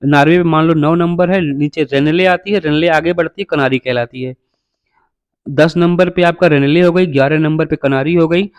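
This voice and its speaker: A man's voice: on the high side, fairly even intonation, moderate pace, clean tone, no room sound. Man quizzing students through a map. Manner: quizzes listeners and answers himself; repetitive, drills names by number. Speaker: teacher. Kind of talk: geography lesson over a map.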